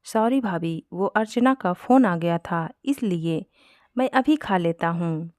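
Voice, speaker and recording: A woman's voice: lowish voice, lively intonation, unhurried, darkish tone, no echo, clean studio sound. A woman voicing a young man in a Hindi storybook reading, firm and slightly irritated. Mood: hurried. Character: young man, polite, annoyed groom-to-be.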